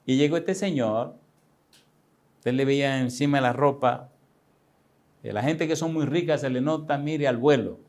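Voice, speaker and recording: A pastor in his sixties telling a personal story in a sermon, with animated, chatty delivery and frequent laughs. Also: medium pitch, normal speed, long pauses. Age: 60s.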